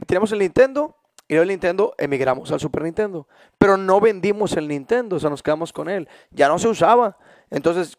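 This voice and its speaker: A young man with a Mexican Spanish accent hosting a casual podcast, telling animated stories and acting out quotes. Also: high voice, no echo, studio quality. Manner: animated storyteller, acts out quotes in raised voices. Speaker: podcast host.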